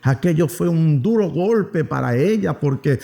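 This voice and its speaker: Preaching at Sunday school with a Venezuelan Spanish accent, this man tells a story, performs its quoted lines and addresses his listeners as "mis amados." His fairly high, creaky, mellow voice is expressive, and his pace is measured. The sound carries a long hall reverb.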